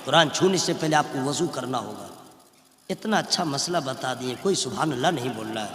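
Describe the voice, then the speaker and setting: A man giving a humorous sermon to a live religious gathering, animated and often shouting. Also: medium pitch, slight background noise. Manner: animated, often shouting, acts out little dialogues. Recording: echoey hall with long reverb, public address.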